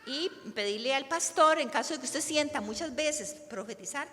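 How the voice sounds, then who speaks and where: A woman's voice: high-pitched, animated, moderate pace, pushed and bright. A woman teaching a church class on prayer in a conversational way, often checking in with her listeners. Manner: conversational, keeps asking "¿verdad?" to the listeners. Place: church hall. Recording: reverberant hall, faint background noise.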